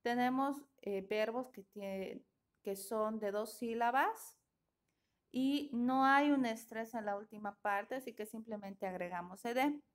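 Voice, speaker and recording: A woman's voice: a little high, measured pace. A woman teaching an English grammar class, explaining patiently and often checking that students follow.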